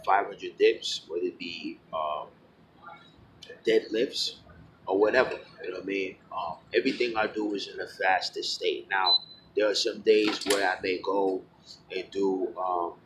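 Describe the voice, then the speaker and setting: A man talking casually to the camera in a frank, plain-spoken way, with frequent fillers and restarts. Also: deep voice. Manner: rambling, full of fillers and self-corrections. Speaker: vlogger. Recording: steady background noise with passing vehicles.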